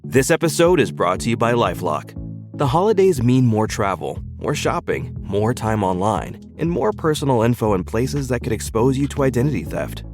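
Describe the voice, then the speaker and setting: Lively male ad announcer over music. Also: mid-range voice, moderate pace. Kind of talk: scripted ad read.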